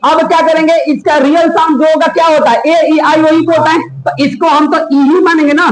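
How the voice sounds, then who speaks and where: A man's voice: very high-pitched, level tone, a little fast, over a noisy crowd. A male teacher giving a classroom lesson, constantly quizzing his students with repeated questions. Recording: echoey classroom.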